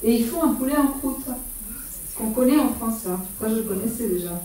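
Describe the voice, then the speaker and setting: A woman's voice: on the high side, animated, normal speed, warm tone. A middle-aged woman giving an informal, hesitant slideshow talk, with many fillers and restarts. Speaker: speaker giving a travel talk. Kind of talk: informal slideshow talk about a solo walking pilgrimage. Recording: very echoey room, voice far from mic.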